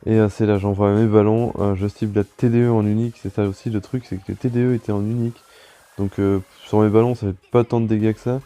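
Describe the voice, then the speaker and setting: A man giving a relaxed gameplay commentary voice-over, explaining his moves with frequent hesitant pauses. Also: lowish voice, soft background music. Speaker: clan gameplay video maker.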